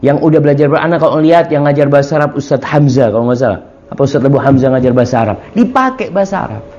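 Lively male preacher on dull audio. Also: rapid-fire. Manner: lively, sweeping pitch swings, switches between Indonesian and Arabic phrases. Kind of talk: Islamic study sermon.

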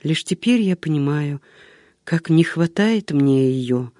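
A man's voice: on the high side, expressive, slow, dry recording, clean studio sound. A man voicing a frightened, trembling young woman. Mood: fearful pleading. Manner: soft trembling pleading.

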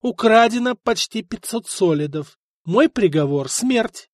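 A man's voice: high voice, lively intonation, measured pace, darkish tone, no echo, studio quality, voice pushed up. Guy doing a haughty princess, cold and bossy, lifts his voice up for her. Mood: icy. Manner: cold, firm, disdainful. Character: proud, icy noblewoman princess, commanding.

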